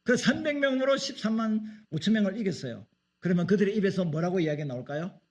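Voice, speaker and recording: A man's voice: sits high, fast talker. A male pastor delivering a sermon, asking the congregation questions and acting out voices in the stories he tells. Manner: asks the congregation questions and acts out dialogue.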